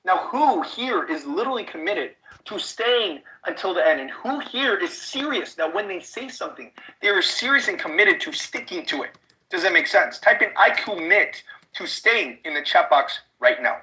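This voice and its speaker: A man from the Chicago suburbs giving an online sales webinar pitch, pushy and constantly asking the audience if they are following. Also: expressive, normal speed, pushed and bright, low-quality recording. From United States, Chicago suburbs. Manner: pushy, repeats rhetorical check-in questions. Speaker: online business trainer.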